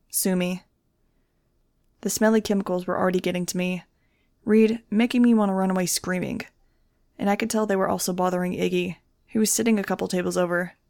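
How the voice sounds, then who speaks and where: A woman narrating a fan-fiction audiobook in a steady, even reading voice. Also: medium pitch, creaky, dry recording, studio quality. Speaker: audiobook reader.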